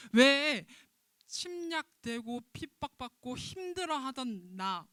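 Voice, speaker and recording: A woman voicing an indignant, sulking male prophet who loudly complains to God, in a dramatized Bible retelling for children. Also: a little high, no echo. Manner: whiny, protesting, loud.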